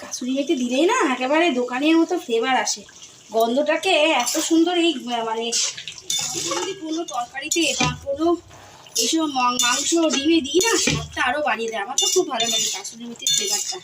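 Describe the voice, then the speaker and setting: Middle-aged mom talking fast while she cooks, pretty high voice, kitchen noise going on behind her. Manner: chatty, keeps checking viewers follow along. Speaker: mother and home cooking vlogger. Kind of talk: casual cooking vlog chat. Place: home kitchen.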